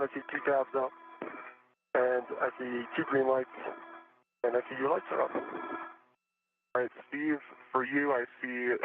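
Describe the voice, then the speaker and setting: An astronaut speaking over a crackly space-to-ground radio link, giving clipped, matter-of-fact checklist callouts. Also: male voice, mid-range voice. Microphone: headset in a spacesuit helmet. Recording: tinny noisy radio transmission.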